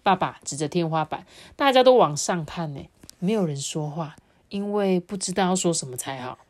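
A woman, reading a storybook aloud to her child in an animated, sing-song way. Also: fairly low pitch, moderate pace.

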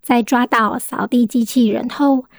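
Gentle woman reading a children's story. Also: on the high side, steady tone, unhurried, gravelly. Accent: Taiwanese Mandarin. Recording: music bed behind the voice. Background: soft background music.

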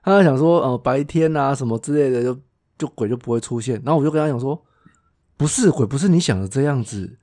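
Male cohost, quick, teasing, goes hushed for scary bits. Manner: teasing, drops low and quiet to spook. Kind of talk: casual ghost-story chat.

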